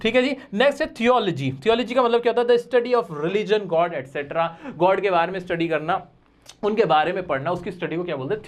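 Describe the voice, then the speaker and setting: Playful male vocabulary teacher. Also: sits high. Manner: playful, repeats questions to students. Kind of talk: casual vocabulary lesson.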